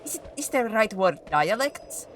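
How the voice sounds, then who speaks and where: A woman with a Finnish accent who rolls her R's, chatting in an animated, rambling, self-deprecating way while commentating her gameplay. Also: medium pitch, unhurried, a little hiss or hum. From Finland. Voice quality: rolled R's. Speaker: video game streamer. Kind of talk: casual gameplay commentary to viewers.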